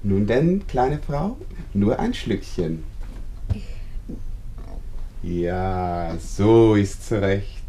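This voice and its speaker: An actor playing a fussy, overly polite village visitor in a radio play, effusive and rambling. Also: male voice, on the low side, animated, very slow, pauses often, warm tone, slight background noise. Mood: fussing.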